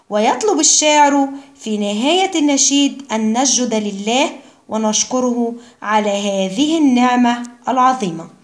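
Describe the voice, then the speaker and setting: A woman teacher reads out a children's Arabic lesson in a slightly high voice. Her delivery is slow and deliberate, and she pauses after each word in her lists. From Egypt. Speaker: primary school Arabic teacher. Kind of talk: recorded classroom lesson.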